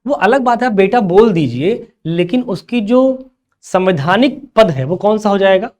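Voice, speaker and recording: A man's voice: sits high, lively intonation, unhurried, darkish tone. A male teacher giving a grammar lecture, who asks rhetorical questions and answers them himself and calls his students "beta".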